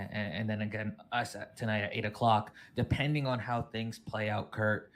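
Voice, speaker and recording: A man hosting a live esports show, upbeat and asking his guest questions. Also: lowish voice. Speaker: host.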